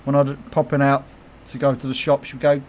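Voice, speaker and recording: A man's voice: mid-range voice, completely flat delivery, normal speed, darkish tone. A middle-aged man chatting casually on his game livestream, swearing freely, laughing often and reacting to chat comments. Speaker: game streamer.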